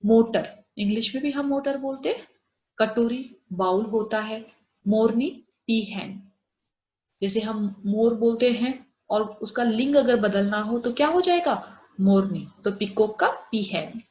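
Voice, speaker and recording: A woman teaching a Hindi lesson, saying example words slowly and giving their English meanings. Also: a little high, a little mellow. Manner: explains Hindi words with English glosses, slow drawn-out examples. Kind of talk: online class lesson. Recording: echoey room, dull lo-fi audio.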